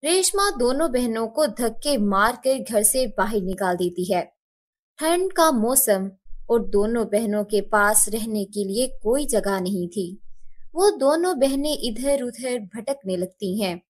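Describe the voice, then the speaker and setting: A woman narrates a children's cartoon story in a steady, expressive storytelling manner. Her voice sits a bit higher than most women's. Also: unhurried.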